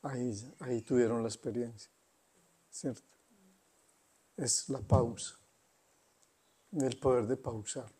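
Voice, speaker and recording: A man giving an unhurried spiritual talk, conversational and pausing often. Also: medium pitch, steady tone, mellow, husky. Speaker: spiritual teacher. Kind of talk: satsang talk.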